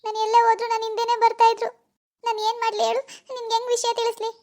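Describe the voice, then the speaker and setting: Cartoon teen schoolgirl, voiced by a woman: very high, fast, anxious hushed asides. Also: steady tone. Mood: tearful complaint. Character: worried teenage village schoolgirl in love. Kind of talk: cartoon voice acting.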